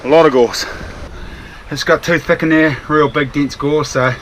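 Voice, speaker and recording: A man with a broad Kiwi accent and a slightly high-set voice chats casually to his vlog in a matter-of-fact, slangy, mildly sweary way. He is recorded outdoors, with clear background noise from the surroundings and vehicles. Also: fairly even intonation, normal speed, a bit bright. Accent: broad New Zealand. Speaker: vlogger. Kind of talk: casual running vlog commentary. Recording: noisy outdoor audio with vehicle sounds.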